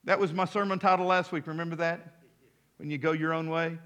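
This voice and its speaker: An American man in his fifties preaching a sermon as a pastor, with emphatic, deliberate phrasing and frequent repetition. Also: on the high side, steady tone, a bit bright. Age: 50s.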